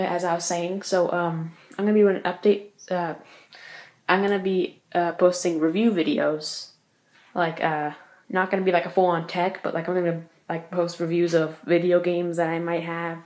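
A male vlogger giving a casual update from home, talking fast, stuttering and filling gaps with uh and like. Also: high voice, flat delivery, a little mellow, echoey room. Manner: speaks fast, stutters, lots of uh and like. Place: room at home.

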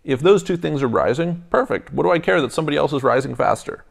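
Gravelly man reasoning step by step. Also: a little high, lively intonation, fast talker. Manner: thoughtful, restarts often, argues in steps. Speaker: podcast co-host. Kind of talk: casual debate chat. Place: studio lounge set with armchairs.

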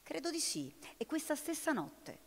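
A woman voicing an astonished, gentle male poet who stammers at times, in a storybook reading recorded in a hall with long reverb. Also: high-pitched, very animated, moderate pace, voice pushed up. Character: amazed gentle male poet, dreamy and kind.

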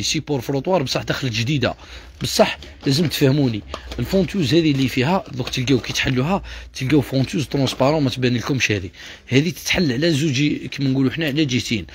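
A man with an Algerian accent, a shop seller doing a repetitive, pushy live sales pitch to his viewers. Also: husky. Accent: Algerian Arabic.

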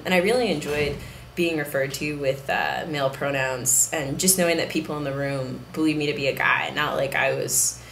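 A young man talking candidly to camera in a casual video diary, unhurried and soft-spoken. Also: fairly high pitch. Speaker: vlogger. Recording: roomy with faint background hiss.

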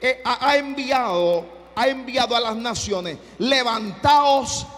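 A man preaching a sermon as pastor, fervent, often breaking into shouts and repeating his phrases. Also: very high-pitched, measured pace, big-room sound.

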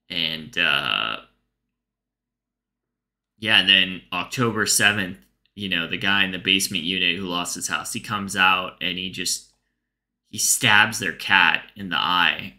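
A man with a low-sitting voice tells a comedic story deadpan, rambling casually with plenty of fillers and swearing.

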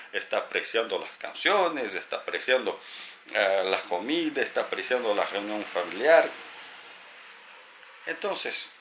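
A man, a teacher, giving a gentle, thoughtful reflective talk to camera and telling a story. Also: mid-range voice, slight background noise.

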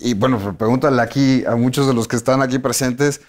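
Un hombre con acento mexicano que cuenta su carrera en una entrevista, con muchas pausas y reinicios. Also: male voice, medium pitch, fairly even intonation, a little mellow. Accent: Mexican Spanish. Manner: rambling, many restarts and fillers. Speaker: interview guest, TV personality. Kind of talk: casual interview chat.

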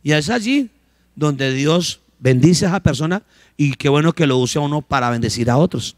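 A man preaching from the pulpit, in a voice that sits somewhat high for a man. He keeps asking the congregation questions and answering them himself, and he acts out short exchanges between characters. The sound is dry and close, with no room echo. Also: expressive, moderate pace. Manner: preaches with call-and-response questions, acting out little dialogues. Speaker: pastor. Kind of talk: sermon.

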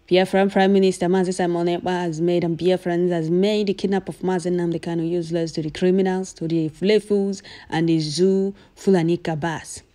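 A woman's voice: fairly low pitch, mellow. A Nigerian woman giving emphatic, repetitive news commentary as an activist over event footage.

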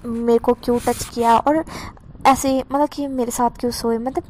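A woman voicing a confident, protective young man who teases and questions gently. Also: a little high, fairly even intonation, moderate pace, slight background noise, lightly acted. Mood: teasing.

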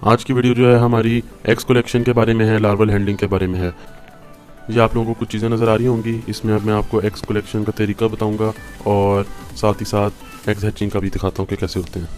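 Man calmly explaining a farming how-to. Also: on the low side, quick pace, soft background music. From Pakistan. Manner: patient step-by-step explaining. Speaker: farming instructor. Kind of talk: home how-to tutorial. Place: indoors at a work table.

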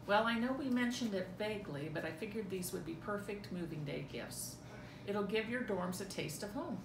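At a moderate pace and quite animated, this amateur reader, a middle-aged woman, performs a mother's lines during a family script reading indoors at home. The camera is a few feet off, and the room's echo and a distinct low rumble come through.

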